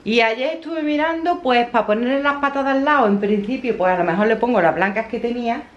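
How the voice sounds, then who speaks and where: A woman's voice: fairly high pitch, brisk, muffled recording. A woman in her fifties talking casually to a phone camera at home in a home vlog, chatty and affectionate, rambling with fillers. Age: 50s. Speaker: vlogger. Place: at home, indoors.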